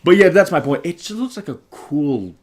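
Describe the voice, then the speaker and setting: Against a background crowd, a male co-host of a trailer reaction channel speaks in a slightly high, expressive voice at normal speed. His casual movie talk is earnest, opinionated and long-winded, peppered with rhetorical questions.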